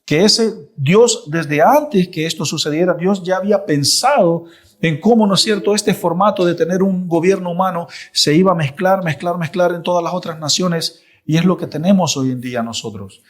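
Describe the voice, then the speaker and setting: A man's voice: sits high, normal speed. Emphatic man teaching the Bible. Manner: emphatic, repetitive, checks in with listeners. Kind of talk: sermon-style Bible lesson.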